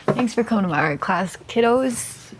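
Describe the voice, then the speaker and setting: A young woman chatting casually while she draws in her journal, relaxed and rambling as she thinks aloud into a close microphone. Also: a little high, moderate pace, a little hiss or hum. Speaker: vlogger. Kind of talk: casual chat while drawing.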